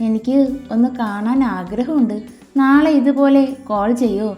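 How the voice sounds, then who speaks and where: A woman's voice: a little high, normal speed, highs cut off, close to an everyday voice. A woman voicing a shy young woman in love. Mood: pleading. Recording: echoey room with soft music.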